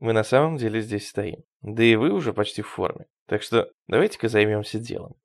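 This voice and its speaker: A man voicing a calm, measured male police commissioner in a storybook reading. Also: on the low side, gravelly. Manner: soft-spoken, measured.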